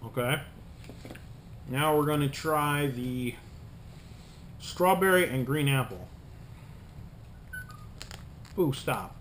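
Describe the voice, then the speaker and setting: A man in his thirties reviewing sour candy as he eats it, talking casually with hesitant pauses in a small room at home. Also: a little high, a bit bright. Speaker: candy reviewer, video host. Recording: room noise, home camera recording.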